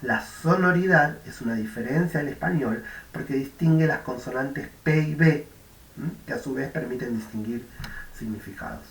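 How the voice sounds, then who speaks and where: A man's voice: medium pitch, normal speed, recorded from a distance. Rioplatense man lecturing in an echoey room. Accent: Rioplatense Spanish. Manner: explanatory, checks understanding with "¿m?" and "¿de acuerdo?"; demonstrates speech sounds aloud. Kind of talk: recorded university lecture.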